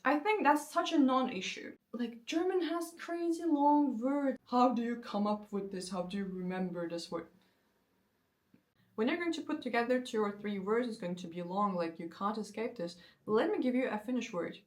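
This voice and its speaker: A Turkish woman in her twenties, a native speaker with a fairly high voice, talks casually to camera about language learning. She's lively and conversational, slowing down to spell out example sentences.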